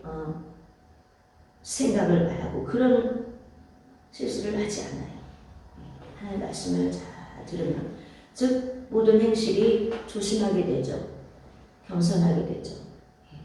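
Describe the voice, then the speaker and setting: 울림 큰 예배당의 온화한 여성 설교자. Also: female voice, mid-range voice, mellow, distant mic. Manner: repeats phrases and asks the congregation for amens; rhetorical questions to the listeners. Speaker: pastor. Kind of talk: sermon. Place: church sanctuary. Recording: very echoey church hall, voice from off-mic.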